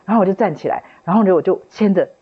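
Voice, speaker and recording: A woman's voice: mid-range voice, racing, husky. A middle-aged woman sharing a personal faith testimony at a book club, retelling it dramatically with many fillers. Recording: dull lo-fi recording.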